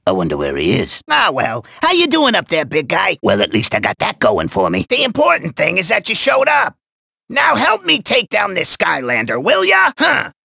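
A goblin-like mad doctor from a cartoony video game, gleefully wicked yet chatty. The voice is raspy, bright and forceful, very animated, with drawn-out theatrical words and muttered wisecracks on the side. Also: male voice, high-pitched, no echo, studio quality, heavily acted. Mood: chummy, sly. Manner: chatty, wisecracking, theatrical, swinging between exclamations and muttered asides. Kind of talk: exaggerated cartoon game voice acting.

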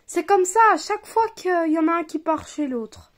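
A woman's voice: very high voice, animated, normal speed. A woman in her thirties, a mother at home filming her children and scolding her son in a firm parental tone. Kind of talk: casual family vlog. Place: family home indoors.

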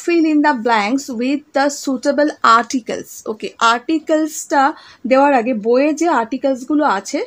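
A woman, teaching a grammar lesson to young students, patiently explaining each answer and checking in with "okay?" as she goes. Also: sits high. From West Bengal, India. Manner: reads exercise sentences slowly and deliberately.

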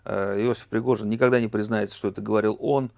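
Gravelly man in a dry studio. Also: on the low side, steady tone, fast, darkish tone, dry recording. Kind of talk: panel discussion commentary. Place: small room studio, indoors.

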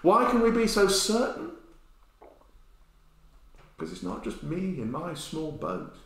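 A middle-aged man preaches in an unhurried, slightly high voice, telling his story with lively swings from loud to hushed. The bare room around him rings with heavy echo, and the camera sits some distance away. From England. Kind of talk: sermon. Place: bare-walled room indoors, with a sign language interpreter beside him. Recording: very echoey room.

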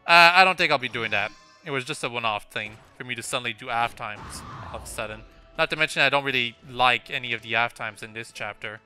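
Bright-voiced man rambling over game music. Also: mid-range voice, clear, resonant tone. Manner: rambling, self-correcting, frequent fillers and restarts. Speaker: let's play commentator. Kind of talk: casual gameplay commentary. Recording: game music playing behind.

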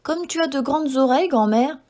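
A woman doing a bright, high little girl. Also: moderate pace, close to an everyday voice. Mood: puzzled. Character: sweet trusting little girl.

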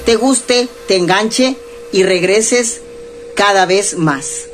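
A woman speaks to her viewers at an unhurried pace. Her pitch sits in a middle range, and her tone is earnest and inviting. Clear background music runs under her voice throughout. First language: Spanish. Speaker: paranormal vlogger. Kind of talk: casual vlog narration.

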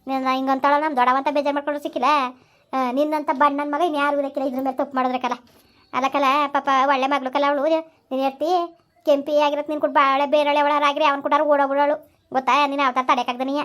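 A woman's voice: high voice, level tone, fast talker. A woman doing a scolding old village aunt. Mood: lecturing. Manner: scolding, lecturing, sharp-tongued. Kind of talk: village comedy skit.

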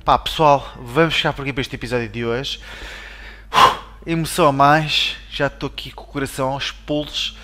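A man with a European Portuguese accent giving excitable commentary while playing a game, yelping and shouting at scares. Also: mid-range voice, a little fast, a little hiss or hum. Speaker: let's play gamer. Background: game music.

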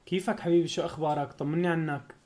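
A man with a Syrian accent speaks quickly, soothing a friend over the phone and repeating his reassurances. He sounds like a YouTuber comforting a fellow creator. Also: a little high, steady tone, a little mellow, slight background noise. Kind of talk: phone call.

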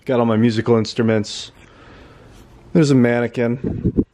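A man in his thirties vlogging casually into a handheld camera, relaxed and reflective, rambling between thoughts. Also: mid-range voice, unhurried. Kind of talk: casual travel vlog. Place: airport and apartment. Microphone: handheld camera at arm's length. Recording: loud background noise.

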